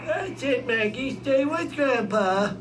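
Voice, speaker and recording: A man's voice: very high voice, animated, slow, loud music behind the voice, exaggerated voice. An actor playing a cranky, rambling old grandfather in a cartoon comedy. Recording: noisy theme park ride audio. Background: clear noise and ambience.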